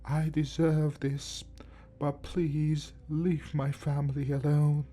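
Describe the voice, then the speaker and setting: A man voicing a frightened, guilt-ridden elderly grandfather in a horror story, with a slow, strained, halting voice. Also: a little high, animated, dark tone, breathy edge, pitched above the performer's own voice, full character voice. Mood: resigned. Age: older. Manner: halting, broken speech.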